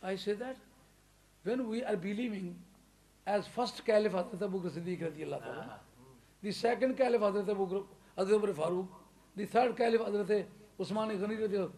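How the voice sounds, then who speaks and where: Fairly quick and high-voiced, this man from Pakistan preaches in English to his congregation with a Pakistani accent. His delivery is emphatic, building to loud stresses, with frequent chuckles between points.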